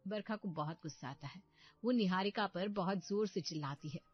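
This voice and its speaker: A woman giving scripted narration for an animated story, steady and even. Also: medium pitch, moderate pace, slightly rough, lo-fi sound.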